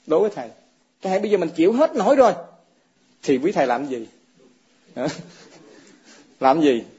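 A man's voice: high voice, sing-song, quick pace, mellow, slightly rough. A man giving a dharma talk to fellow monks, asking his listeners questions and chuckling often. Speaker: Buddhist monk teaching fellow monks. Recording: dull lo-fi recording.

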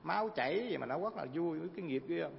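Male Buddhist preacher, gravelly and a bit high, lively storytelling sermon, dull recording in a reverberant hall. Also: quick pace, a little hiss or hum. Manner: animated, asks frequent rhetorical questions. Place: hall before a live audience.

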